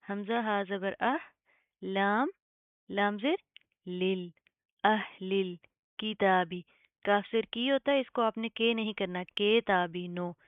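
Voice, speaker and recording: A woman teaching Quran recitation, spelling out letters and reciting slowly and drawn out, often checking with "okay?". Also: mid-range voice, no echo. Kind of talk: tajweed lesson with spelled-out recitation. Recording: tinny phone-like, dry sound.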